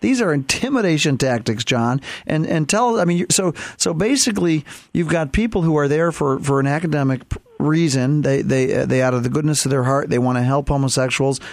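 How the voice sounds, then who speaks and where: A man hosting a talk show, speaking haltingly with many fillers and restarts. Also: fairly high pitch, no echo. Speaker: host.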